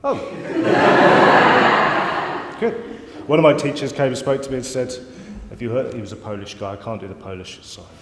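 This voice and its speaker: A man's voice: mid-range voice, expressive, moderate pace, pauses often, heavy background noise. Wry man lecturing in a hall. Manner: wry, self-mocking, rambling asides. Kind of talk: live lecture to an audience. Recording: roomy hall reverb, faint ambience.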